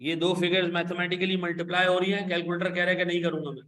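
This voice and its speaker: A man giving an accounting lecture, animated and coaxing, pressing his students with repeated questions and playful scolding. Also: high-pitched, quick pace, echoey room. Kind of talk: classroom lecture.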